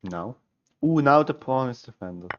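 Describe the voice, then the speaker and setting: Thinking aloud while streaming chess puzzles from home, this young man speaks in an expressive, medium-pitched voice captured in a dry, lo-fi recording. He's from Switzerland, a native German speaker with a Swiss German accent, using a headset in a small indoor room. He talks to himself, pausing, musing, and correcting himself as he chats with viewers.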